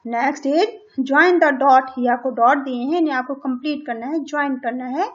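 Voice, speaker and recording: High-voiced woman teacher spelling words. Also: a little fast, dull audio. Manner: repeats and spells words letter by letter, keeps asking questions. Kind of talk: online class lesson in Hindi and English.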